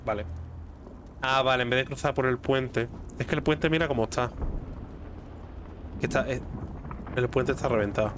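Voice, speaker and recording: A man's voice: medium pitch, steady tone, fairly quick, long pauses, fairly bright tone, a little hiss or hum. A man with a Spain Spanish accent giving casual, colloquial gameplay commentary, muttering to himself and swearing. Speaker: gaming streamer.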